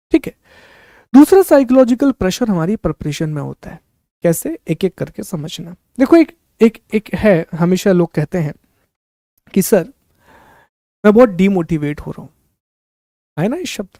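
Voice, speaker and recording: A man's voice: on the high side, vocal fry, dark tone, no echo, studio quality. A young man teaching an exam strategy class as a coaching teacher, giving direct advice and asking rhetorical questions.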